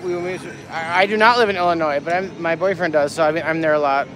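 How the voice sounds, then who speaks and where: On a busy casino floor, a man live-streams his slot play with casual, profane, teasing banter. His voice is on the high side and quick, and loud casino music and machine din fill the recording.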